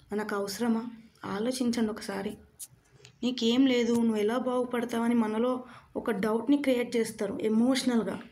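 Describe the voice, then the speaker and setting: A woman's voice: a little high, mellow. Earnest woman giving a motivational talk. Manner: earnest, rhetorical questions, mixes English phrases. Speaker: motivational speaker.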